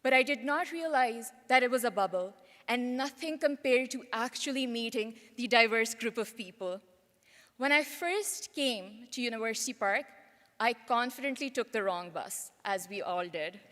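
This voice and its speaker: A woman with a fairly high voice gives a graduation speech in a friendly, storytelling way. She stands at an auditorium podium microphone, and long hall reverb surrounds her voice. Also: moderate pace, a bit bright. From Pakistan. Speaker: graduating student speaker. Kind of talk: commencement speech. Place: large auditorium.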